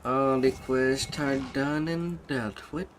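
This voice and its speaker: A man's voice: mid-range voice, fairly even intonation, slow pace, slight background noise. A man giving casual gameplay commentary as he plays, in short offhand remarks. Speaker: game player.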